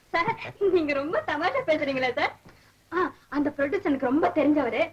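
An actress playing a proud, vain film star in an old film, speaking sweetly but haughtily. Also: female voice, high-pitched, normal speed, muffled recording, close to an everyday voice. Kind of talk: 1970s Tamil film acting.

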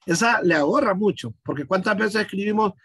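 A man from Honduras teaches an online class, explaining step by step and checking in with his students. His voice is fairly high and husky. The sound is dry and close, as if from a video call. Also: expressive, a little fast, a bit bright, dry recording. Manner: patient, explanatory, addresses students directly.

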